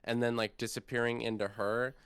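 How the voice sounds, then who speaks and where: A young man co-hosting a casual fan podcast, talking excitedly and filling his sentences with "like". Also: mid-range voice, fairly quick, clear, resonant tone, no room sound. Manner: excitable, filler-heavy, says "like" often. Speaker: podcast co-host. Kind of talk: casual chat.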